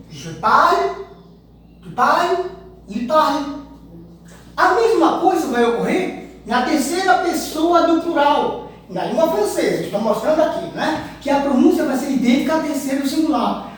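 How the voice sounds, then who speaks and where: A woman teaching a language lesson, explaining and slowly repeating verb conjugations with frequent chuckles. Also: high-pitched, a little mellow. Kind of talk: recorded online language lesson. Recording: echoey room, mic far off, faint noise.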